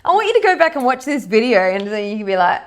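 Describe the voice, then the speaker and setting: Bubbly woman, lively high voice. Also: fast. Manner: bubbly, laughs often, encouraging. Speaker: podcast host. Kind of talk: casual chat.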